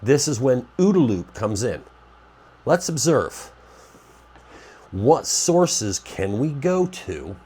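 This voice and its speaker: This man's mid-range voice is slightly mellow and slightly rough, with big pitch swings, a slow pace, and frequent pauses. Nasal and stuffed up from a cold, he hosts his own preparedness channel, rambling conversationally to camera and often correcting himself.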